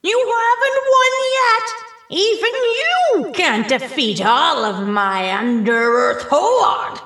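Woman playing Mole Man, a slow, grandiose, swooping villain. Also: extremely high pitch, lively intonation, a bit bright, exaggerated voice. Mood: defiant. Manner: grandiose, gloating, theatrical. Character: megalomaniac underground villain Mole Man, gloating and theatrical. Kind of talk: hammy amateur radio play acting. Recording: roomy echo, distant from mic.

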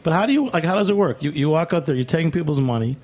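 A man's voice: fairly high pitch, animated, racing, a little mellow. A man hosting a casual interview, prodding with short questions and repeating his words as he goes. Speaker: interviewer, show host.

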